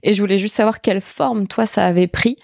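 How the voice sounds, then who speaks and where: A woman's voice: medium pitch, steady tone, a little fast, vocal fry, darkish tone, dry recording, clean studio sound. A young woman hosting a podcast, speaking in a direct, confident, straightforward way in casual conversation. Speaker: podcast host.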